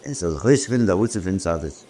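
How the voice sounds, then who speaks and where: A man with a very low voice tells a rambling personal story. He talks haltingly, circling back and repeating himself as he searches for the next phrase. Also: animated, warm tone, breathy edge.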